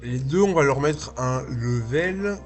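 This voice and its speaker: Male tutorial host, lightly lisping, informal and slow-paced, talking through steps over music. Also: medium pitch, expressive. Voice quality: slight lisp. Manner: informal, step-by-step, thinking aloud. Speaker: tutorial host, video artist and VJ. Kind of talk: casual software tutorial. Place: small indoor home studio.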